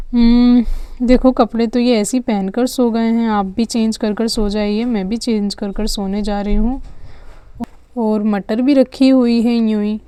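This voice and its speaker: A woman's voice: a little high, dark tone, clean tone, no echo, pitched below the performer's own voice, natural voice. A woman playing a scolding tired doll mother. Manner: nagging, scolding, then weary. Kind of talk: doll story play-acting.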